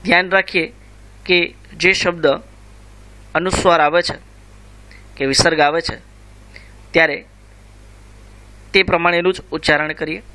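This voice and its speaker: A man, teaching a school revision lesson, reciting and explaining slowly and carefully. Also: fairly high pitch, steady tone, pushed and bright. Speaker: Sanskrit teacher.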